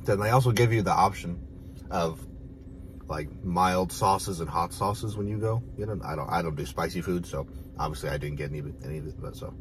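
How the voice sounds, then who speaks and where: A man casually chatting about food in an eating vlog, talking while chewing, relaxed and rambling. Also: sits low, fairly quick, slight background noise. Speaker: mukbang vlogger.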